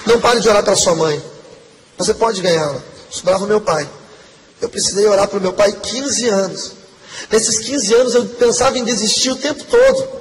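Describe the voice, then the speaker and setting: A man's voice: sits high, moderate pace. A man giving an earnest, emotional testimony sermon to a congregation. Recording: long hall reverb, faint background noise.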